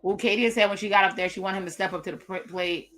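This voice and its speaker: Faint music runs behind a woman whose mid-range, slightly bright voice moves quickly with fairly even intonation. She's live-streaming reactions to a dating show, casually summarizing what the cast says and chatting along the way.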